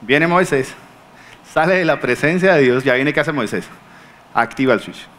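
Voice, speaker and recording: A man preaching a sermon in a Colombian accent, telling stories lively and acting out the people he quotes, often asking the congregation questions. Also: mid-range voice, normal speed, slight background noise. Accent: Colombian Spanish. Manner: animated storytelling, acting out quoted speakers.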